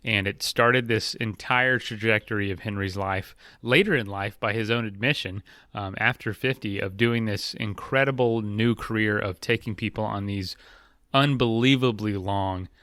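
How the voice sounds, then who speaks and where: A male podcast host with a fairly low voice introduces the episode and asks his guest questions. His delivery is upbeat and eager. The sound is close and dry. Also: steady tone, normal speed, pushed and bright, clean tone, dry recording.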